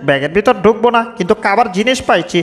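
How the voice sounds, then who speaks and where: A man puts on a squeaky cartoon voice for greedy baby birds that squabble over food. The pitch is strained very high. A long reverb trails behind it. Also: racing. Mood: excited. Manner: squeaky, excited, munching noises. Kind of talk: homemade cartoon dub. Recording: long reverb, echoey room.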